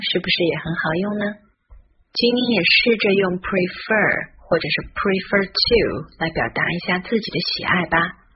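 A woman's voice: mid-range voice, husky. A woman hosting a spoken English lesson, spelling words out letter by letter in a teacherly way. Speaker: English teacher and podcast host. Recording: dull lo-fi recording.

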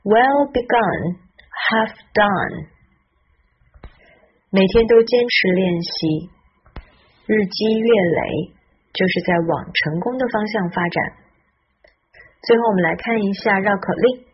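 A woman teaches English pronunciation in a slow, deliberate voice with a slightly husky edge. She spells words out letter by letter and enunciates each sound with care. The recording sounds somewhat dull and lo-fi. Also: mid-range voice. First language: Chinese. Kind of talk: scripted lesson narration.

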